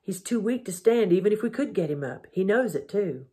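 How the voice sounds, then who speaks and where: A woman voicing a gentle, practical frontier man who speaks in a matter-of-fact way, in a husky voice. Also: mid-range voice, lively intonation, a little fast, pitched above the performer's own voice. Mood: resigned.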